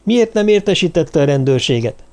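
A man's voice: fairly high pitch, big pitch swings, a little mellow, pitched above the performer's own voice. A stern male investigator presses the suspects with firm, repeated questions, as a male narrator reads him. He sounds in control and insistent in an audiobook.

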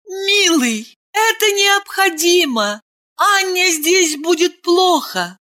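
A woman voicing a tender young queen in an audiobook, with a high, bright, gentle voice. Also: sing-song, slow, heavily acted. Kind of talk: audiobook character voice.

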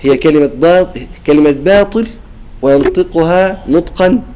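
A man leads a recitation class, his voice mellow and fairly high. He explains each rule patiently, sounds out the words to demonstrate them, and keeps checking that the students follow. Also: normal speed, low-quality recording. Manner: explains and asks "clear?" often, demonstrates pronunciations. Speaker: Quran recitation teacher. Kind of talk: classroom lesson on tajweed.

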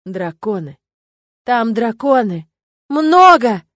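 A woman voicing a feisty young student heroine in an audiobook, talking loud and emphatic. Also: high voice, very animated, brisk, dry recording, studio quality, voice pushed up. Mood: shouting.

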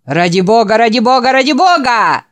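A woman voicing a mob of male trolls shouting mocking taunts, higher and louder than her narration. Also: lively intonation, normal speed, no room sound, close to an everyday voice. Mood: jeering.

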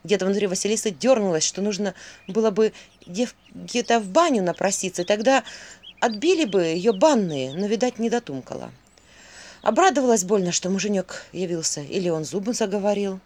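A woman narrating a spoken folk tale with an expressive, vivid storyteller manner. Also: medium pitch, brisk. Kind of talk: dramatic story reading.

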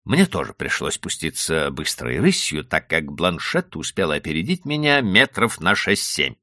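A man's voice: very deep voice, sing-song, moderate pace, pushed and bright, no echo, studio quality. A man narrating an audiobook in the first person, with dramatic storytelling. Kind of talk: scripted narration.

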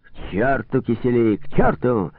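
A man voicing a rowdy, drunken rich merchant who boisterously shouts toasts and calls for a troika. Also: mid-range voice, very animated, measured pace, creaky, no echo, exaggerated voice. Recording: dry, narrow phone-like sound.

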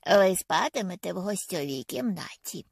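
A woman voicing a welcoming mother greeting guests in an audiobook, loud and cheerful. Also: lowish voice, lively intonation, normal speed, gravelly, husky, no room sound, clean studio sound, exaggerated voice. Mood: kind.

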